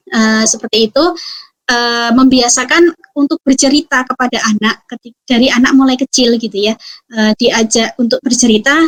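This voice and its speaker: A woman giving a parenting webinar talk, explaining calmly with frequent fillers and tag questions. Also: fairly high pitch. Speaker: parenting speaker.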